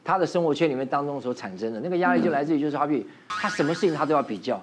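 A man's voice: on the high side, racing, noisy background. A man, a talk show guest telling stories about being a father in casual studio chat. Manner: chatty, animated storytelling.

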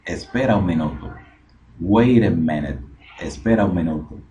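A man voicing a calm, reassuring man in a dialogue for a language lesson, with slow, spelled-out reassurance. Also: sits low.

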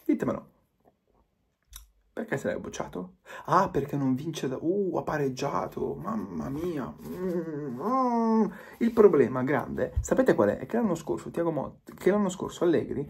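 A man rants to his viewers about football, hammering the same point again and again. His voice is husky and a little breathy, and he pleads and insists in turn. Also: a little high, dark tone. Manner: emphatic, repetitive, pleading with viewers. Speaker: football commentator. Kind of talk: impassioned fan monologue.

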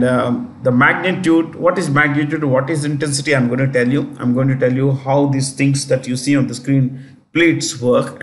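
A man with an Indian English accent teaching a current affairs lesson in a chatty way, often correcting himself and spelling words out. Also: medium pitch.

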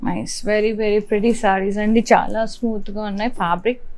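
A woman's voice: medium pitch, steady tone, racing, a little mellow. A woman with a Telugu accent presents products on a live shop sale, listing details item by item in short, clipped phrases.

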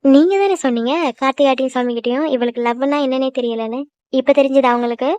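A jealous young girlfriend in a cartoon, voiced by a woman in a high, rapid voice. She scolds and sulks in quick bursts. The sound is dry and close, with no room around it. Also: darkish tone, smooth, no room sound, lightly acted. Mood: sulky, scolding. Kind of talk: cartoon voice acting.

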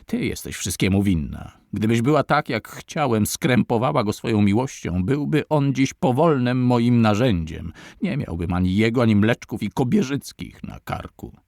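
A man voicing a haughty, scornful nobleman prince who gives sharp commands. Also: fairly low pitch, sing-song, slow, creaky, no echo, studio quality, heavily acted. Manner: commanding, sneering.

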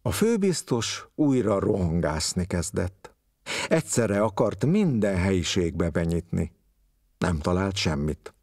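A man reading a literary story aloud with expressive, varied storytelling. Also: low voice, dry recording, studio quality.

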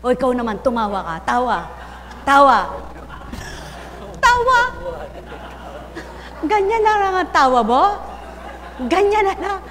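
A woman preaching as a spiritual medium to a live congregation, teasing and exhorting listeners, calling people out by name, breaking into laughter and loud exclamations. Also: high voice, very animated, normal speed, in a large hall, slight background noise.

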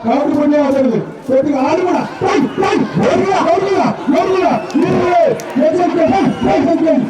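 A man announcing live at a bull-taming event, shouting repeated excited calls through a loudspeaker PA in an outdoor arena. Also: moderate pace, heavy background noise. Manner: repeats short calls, loud excited urging. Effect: booming through a loudspeaker PA. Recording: echoey distant PA with a loud crowd.

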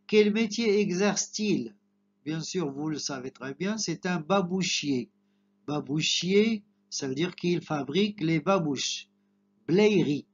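A man with a Moroccan accent teaching an exam preparation lesson, explaining slowly and glossing words in Arabic. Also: on the high side, lively intonation, husky, highs cut off. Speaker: French teacher.

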